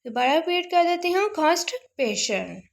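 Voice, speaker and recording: A woman teaching English vocabulary, repeating each word slowly and drawing out its pronunciation. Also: sits high. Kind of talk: casual spoken vocabulary lesson.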